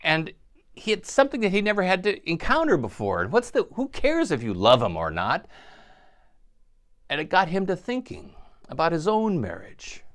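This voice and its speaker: Male priest, reflective homily, storytelling with a very lively, swinging pitch. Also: moderate pace. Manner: animated storytelling, acts out quotes.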